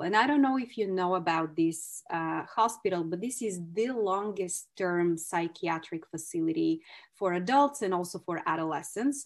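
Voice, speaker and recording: Speaking with a fairly low pitch, a clinical psychologist from Bulgaria gives an enthusiastic training session online via video call. Her Bulgarian accent and non-native turns of phrase come through clearly.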